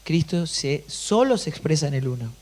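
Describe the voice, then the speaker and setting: A pastor delivering an emphatic sermon, often putting rhetorical questions to the congregation. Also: male voice, a little high, very animated, normal speed, darkish tone.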